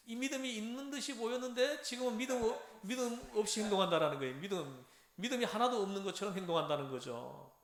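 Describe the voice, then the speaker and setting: A man giving a lively Bible lecture, acting out lines and having his class repeat them. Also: sits high. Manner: animated, acts out dialogue, has audience repeat phrases. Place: church lecture room. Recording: echoey room.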